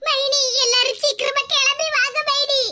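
A woman's voice: very high voice, flat delivery, normal speed, full character voice. A woman with a Tirunelveli Tamil accent voicing a tearful young wife who phones relatives with bad news, pleading and drawn out. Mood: sobbing, pleading. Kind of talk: cartoon voice acting. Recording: loud background noise.

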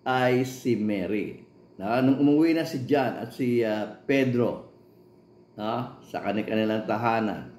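A man gives a sermon in a lowish, steady voice, reading verses aloud at a slow, careful pace. His words ring in a roomy, echoing space. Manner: measured, reads scripture aloud slowly, many fillers. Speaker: preacher. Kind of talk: sermon, Bible teaching. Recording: roomy echo.

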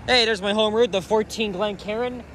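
A young man vlogs on a city sidewalk, chatting casually as he walks with a handheld camera. His voice is high-pitched and fairly bright, with a steady tone and a moderate pace. Outdoor traffic noise and street ambience run underneath.

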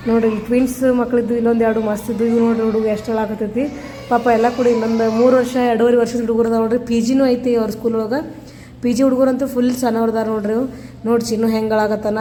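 A woman's voice: on the high side, warm tone, a little hiss or hum. A mother with a North Karnataka Kannada accent narrating a casual vlog into her phone, chatty and always pointing things out to viewers. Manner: chatty, keeps saying "see" to viewers. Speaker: mother vlogger.

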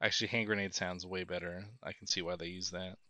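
A man's voice: sits low, level tone, fast talker, pushed and bright, no echo. A young man on a headset, chatting and joking with his squad during a military game, short of breath from moving. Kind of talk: casual squad chatter over game comms.

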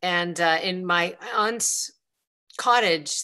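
A woman from Greece hosting a live online question-and-answer session, speaking slowly and hesitantly with many ums, on a video call. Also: lowish voice, bright, forceful tone, clean tone. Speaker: planetarium program host.

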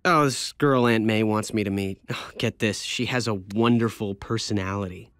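An actor voicing a wisecracking teenage male superhero in a cartoon, quick joking banter full of sarcastic quips. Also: lowish voice, background noise, close to an everyday voice.

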